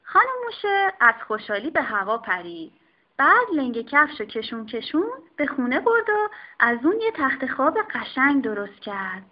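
A woman reading a children's storybook aloud in an expressive, sing-song manner, on a dull lo-fi recording. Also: sits high. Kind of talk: storybook narration.

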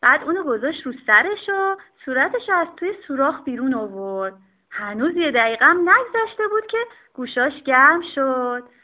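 A woman reading a children's storybook aloud in an expressive, sing-song manner, on a dull lo-fi recording. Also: high voice. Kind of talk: storybook narration.

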